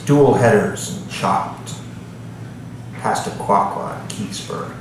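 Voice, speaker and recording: A male author gives a live reading at a bookstore, tossing casual asides to the audience. He speaks slowly in a fairly low voice. The distant mic catches an echoey room and background noise.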